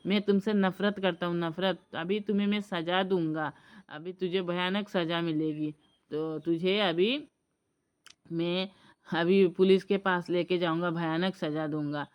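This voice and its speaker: Brief: woman playing angry storybook father, stern and threatening, smooth clear tone. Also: on the low side, fairly even intonation, a little slow, muffled recording, close to an everyday voice. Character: angry village father scolding his wife.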